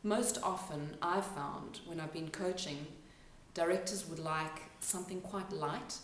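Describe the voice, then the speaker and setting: A woman who works as an accent coach gives a spoken lesson, explaining sounds step by step and pausing to demonstrate them. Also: fairly low pitch, a little hiss or hum. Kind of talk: instructional talk to camera. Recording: echoey room, mic at a distance.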